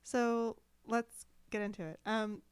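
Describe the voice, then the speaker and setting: A woman's voice: fairly high pitch, fairly even intonation, slow pace, clean tone, no room sound. A woman co-hosting a podcast, chatting casually and wryly about books she read. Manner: wry, chatty, swears casually. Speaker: podcast co-host. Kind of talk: casual book chat.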